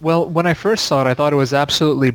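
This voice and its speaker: A man's voice: a little high, very fast, clean tone. A man co-hosting a tech podcast, giving emphatic opinions. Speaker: podcast co-host. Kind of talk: casual chat.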